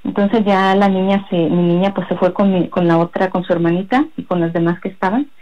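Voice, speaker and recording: Woman giving a halting faith testimony. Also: lowish voice, steady tone, highs cut off. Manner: halting, rambling storytelling with many fillers. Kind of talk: personal religious testimony.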